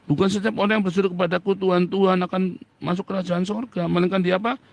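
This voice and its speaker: A man's voice: high-pitched, fairly even intonation, fast, creaky, darkish tone. A middle-aged man preaching a Bible lesson, reading scripture aloud and firing rhetorical questions with mocking imitations. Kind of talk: sermon-style Bible teaching.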